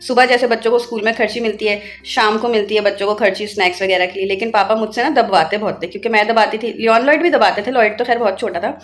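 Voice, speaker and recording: A young woman vlogging in a casual, chatty way, telling family stories and turning soft and wistful when she remembers. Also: medium pitch, fairly even intonation, quick pace, hardly any pauses, faint music behind. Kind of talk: casual vlog chat.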